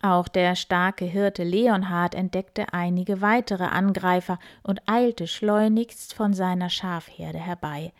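A woman reading a children's story aloud, lively and expressive. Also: fairly low pitch, takes it slowly, hardly any pauses.

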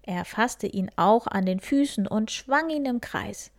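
A woman softly whispering a children's story, reading one tale after another. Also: mid-range voice, lively intonation, measured pace. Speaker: reader.

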